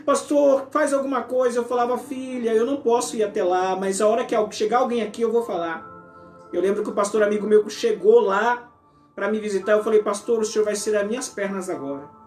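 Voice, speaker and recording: A man preaching an emotional testimony as an apostle, his voice often sinking to a hush. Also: high voice, fairly quick. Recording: echoey church hall with music.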